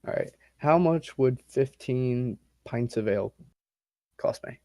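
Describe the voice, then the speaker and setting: A man's voice: mid-range voice, slow, warm tone, no room sound. Man playing a tabletop game, dry sound. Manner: casual, asks short questions to the game master. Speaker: player. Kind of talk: casual tabletop play.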